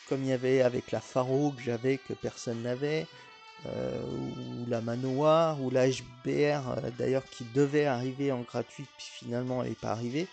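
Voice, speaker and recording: Male gaming YouTuber, casual chatty commentary, mid pitch, a bit of vocal fry, stop-start delivery. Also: darkish tone. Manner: chatty, rambling, with frequent hesitations and restarts.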